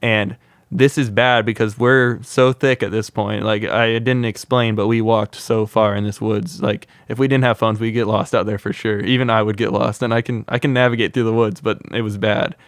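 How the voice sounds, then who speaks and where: A young man who makes wildlife content appears as a podcast guest, telling wild stories in a lively, casual way and using "like" as filler a lot. His voice is fairly low at a normal speed, recorded in studio quality with no echo.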